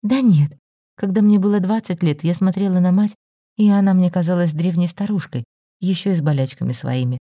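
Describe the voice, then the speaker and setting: A steady, level voice of a forty-year-old woman who keeps her composure and states things plainly, as a woman narrator puts her on. The tone is darker and mellow, recorded dry and close. She stays firm rather than loud. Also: on the low side, fairly quick, no room sound, pitched above the performer's own voice, natural voice. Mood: exasperated. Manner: calm, firm, matter-of-fact.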